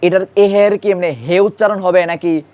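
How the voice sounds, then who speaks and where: A man's voice: high voice, steady tone, normal speed, mellow, dry recording. A man teaching a classroom grammar lesson, quizzing students and repeating key terms.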